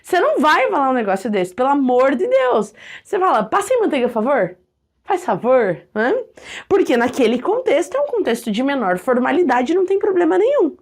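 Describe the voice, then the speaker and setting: High-voiced, playful teacher. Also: female voice, a little fast. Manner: lively, playful, acts out examples. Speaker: Portuguese language teacher. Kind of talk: educational video lesson.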